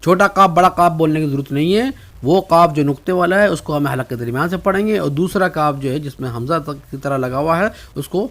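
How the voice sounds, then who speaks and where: A man with a Pakistani Urdu accent teaching Quran reading, chanting drawn-out syllables between quick explanations. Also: fairly high pitch, a bit bright. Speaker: Arabic pronunciation teacher.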